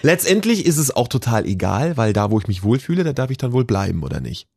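Male radio co-host, reflective and musing, lively pitch, dry studio. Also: fast, husky, dry recording. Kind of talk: radio call-in chat.

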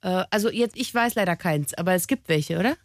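A woman's voice: on the low side, a little fast, dry recording, clean studio sound. A woman hosting a casual radio chat, playful and teasing, rambling with lots of fillers. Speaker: radio host.

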